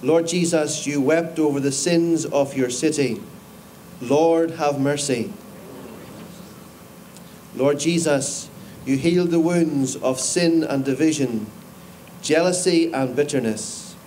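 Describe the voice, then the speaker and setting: Middle aged minister bloke reading prayers slow and grave, outdoors w faint noise. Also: male voice, a little high, a little mellow. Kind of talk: formal liturgical confession. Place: outdoor memorial ceremony. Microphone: stand microphones.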